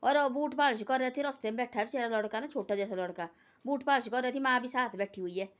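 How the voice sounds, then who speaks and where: A woman's voice: fairly high pitch, fast. A woman telling a moral story in a casual, earnest way. She repeats herself often and keeps tagging quotes with "he said.".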